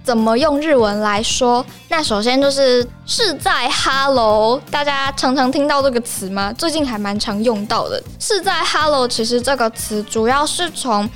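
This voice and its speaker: A woman's voice: on the high side, moderate pace, few pauses, soft background music. A woman with a Taiwanese Mandarin accent hosting a casual language lesson on slang in a chatty, playful way. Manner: chatty, playful, acts out short examples. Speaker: podcast host and Japanese teacher.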